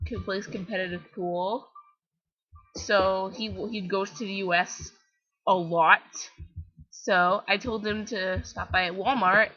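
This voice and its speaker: A woman's voice: medium pitch, sharp tone, breathy edge. A teenage girl from Canada with a Canadian accent, rambling chattily and self-mockingly as she comments on her game. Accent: Canadian English. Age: teens. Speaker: gaming vlogger. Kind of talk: casual gameplay commentary. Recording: slightly dull lo-fi home recording.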